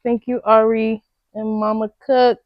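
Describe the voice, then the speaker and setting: A young pregnant woman chatting casually as she unboxes baby gifts, gushing and excitable, with slangy exclamations. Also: fairly high pitch, measured pace, muffled recording. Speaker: vlogger.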